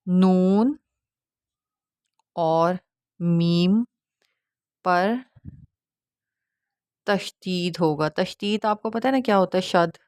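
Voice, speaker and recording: A woman gives an online Quran recitation lesson, explaining patiently step by step, often checking that listeners follow, and drawing out nasal sounds slowly as examples. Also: fairly low pitch, darkish tone, clear, resonant tone, no room sound. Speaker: Quran tajweed teacher.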